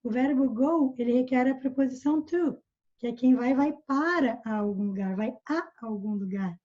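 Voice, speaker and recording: A woman's voice: high voice, moderate pace, mellow. A Brazilian woman teaching English over a video call, explaining patiently and repeating examples. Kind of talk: online English lesson. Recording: muffled video call audio.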